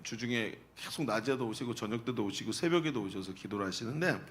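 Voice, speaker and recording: A man's voice: mid-range voice, quick pace, a bit bright. A middle-aged male pastor who reads scripture aloud and then preaches in a chatty way, asking the congregation questions. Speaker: senior pastor. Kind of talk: sermon.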